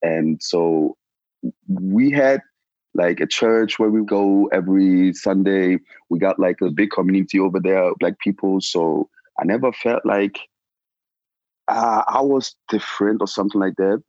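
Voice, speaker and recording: Low-voiced Ghanaian-born man, slangy and relaxed. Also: unhurried, no echo, muffled recording. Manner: relaxed, slangy, many "like" and "yo" fillers. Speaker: protest organizer. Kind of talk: casual interview answers.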